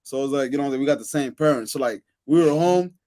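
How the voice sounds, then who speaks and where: A man on a podcast panel, telling excited stories in casual chat, full of restarts and fillers. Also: medium pitch. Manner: excited, rapid storytelling with many restarts and fillers.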